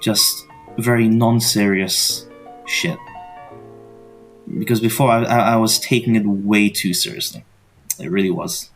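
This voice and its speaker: A young man hosting a podcast in a casual, rambling monologue from his dorm room, speaking in a quiet, just-woken-up voice with many stuttered restarts and casual swearing. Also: on the low side, steady tone, a little slow, creaky, long pauses, soft background music. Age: young adult. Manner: quiet morning voice. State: just woke up. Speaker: podcast host.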